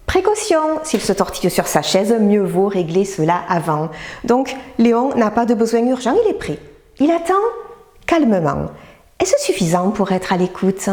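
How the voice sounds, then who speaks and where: A woman teacher narrating a scripted lesson, speaking clearly and deliberately and breaking words into separate sounds. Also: medium pitch, a little mellow, roomy sound. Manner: clear, deliberate, syllable-by-syllable demonstrations.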